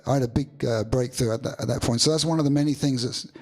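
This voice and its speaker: A man, a musician guest, answering at length in a halting, reflective way with many restarts, in a studio session before a live audience. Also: mid-range voice, darkish tone. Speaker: musician guest being interviewed.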